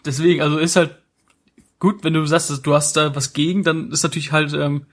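A man with a slightly higher voice joins a casual live-stream discussion. He pushes back with pointed, probing questions. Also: flat delivery, fairly quick.

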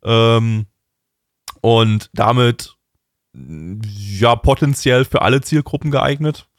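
A man's voice: medium pitch, slow, no room sound, clean studio sound. A man co-hosting a podcast in casual chat, rambling with many fillers and restarts. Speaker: podcast co-host.

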